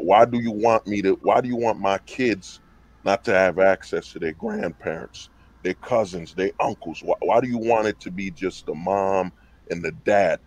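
A man's voice: sits low, a little mellow. A man on a livestream panel talking casually and emphatically, full of slang and rhetorical questions over a call mic. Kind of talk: casual debate talk.

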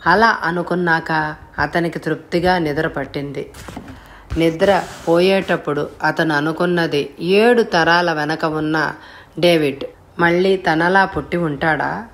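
A woman narrating a story as an audiobook reader in a steady, even way. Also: on the low side, takes it slowly, long pauses.

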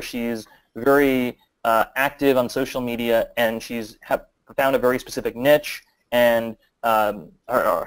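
A man fields questions on a webinar in a loose, unscripted way. He stops and restarts often and fills gaps with "uh" and "um", at a middling pitch. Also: low-quality recording. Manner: hesitant, many fillers and restarts. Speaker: guest marketing expert. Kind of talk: webinar Q&A answers.

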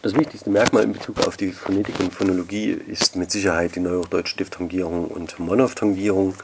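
A male lecturer with a low, gravelly voice works through slide examples in a measured academic tone. He addresses the listeners formally, as students in a course podcast. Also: steady tone, background noise. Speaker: university lecturer.

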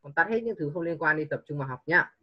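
Man, tutor, patient, coaxing, slightly high voice, dull lo-fi sound. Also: lively intonation, fast, husky. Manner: patient, coaxing, mixes English prompts into teaching. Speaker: English tutor. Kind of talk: online one-on-one tutoring.

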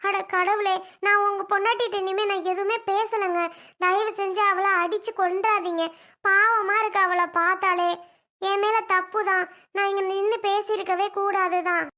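Brief: woman as a put-upon rural wife, very high-pitched, pleading and shrill. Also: fairly even intonation, a little fast, fairly bright tone. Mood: panicked. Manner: pleading, then shrill and alarmed. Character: put-upon village wife standing up to husband. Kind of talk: homemade village comedy skit.

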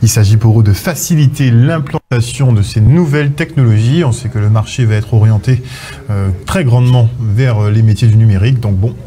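A male news presenter introducing a report from a TV studio on a lapel mic, relaxed with fillers. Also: medium pitch, fairly quick.

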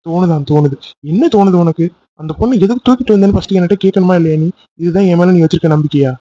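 A man's voice: sits high, racing, dark tone, no echo, dull audio. A man voicing a young man in a cartoon love story, pleading insistently with his angry girlfriend. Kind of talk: cartoon voice acting.

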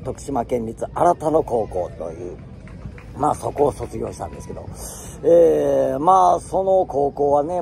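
A man's voice: fairly low pitch, creaky, warm tone. A man from Tokushima with a Tokushima dialect, telling childhood stories casually, acting out quoted voices and laughing often. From Tokushima, Japan. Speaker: host. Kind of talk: casual storytelling.

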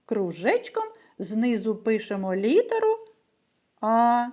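Slow, patient woman teacher for children. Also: on the high side, darkish tone. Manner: patient, stretched-out words, asks and answers her own questions. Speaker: primary school teacher. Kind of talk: slow, deliberate literacy lesson for young children.

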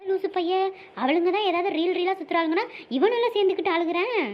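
A woman voicing a cheeky, quick-witted young woman who throws in sarcastic asides. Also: extremely high pitch. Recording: dull lo-fi sound.

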